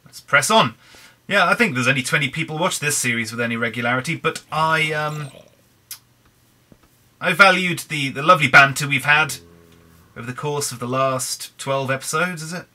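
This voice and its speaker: A young British man with a hoarse, croaky throat, chatting in a rambling way over a Minecraft let's play. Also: a little high, moderate pace, bright, forceful tone. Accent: British English. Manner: rambling, chatty, frequent restarts. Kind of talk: casual gameplay commentary.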